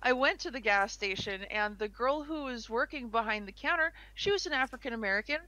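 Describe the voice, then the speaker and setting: A woman's voice: fairly high pitch, animated, brisk, sharp tone, dry recording, poor audio. A young woman co-hosting a casual podcast chat, chatty and giggly, rambling with restarts. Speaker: co-host.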